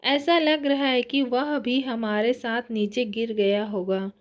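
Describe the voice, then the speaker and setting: A woman voicing a protective young man who speaks gently and reassuringly, at an unhurried pace. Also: on the high side, fairly even intonation. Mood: calm.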